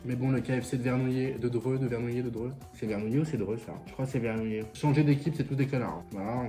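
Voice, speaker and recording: A man's voice: mid-range voice, steady tone, fast talker, dark tone, faint music behind. A young man with a French accent chatting casually and sassily while eating, swearing freely and talking with his mouth full. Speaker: vlogger reacting to viewer stories.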